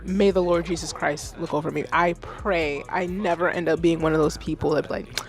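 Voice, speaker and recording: Woman in her 30s doing a music feedback livestream, joking about getting old, chatty and animated, faint music behind her. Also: low voice, a little fast. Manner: animated, self-mocking, talks to chat. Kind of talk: casual livestream commentary.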